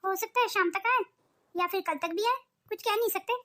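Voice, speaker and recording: A woman voicing a young sister-in-law in a cartoon, quick and obliging. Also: very high voice, sharp tone. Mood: chatty. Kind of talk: cartoon voice acting.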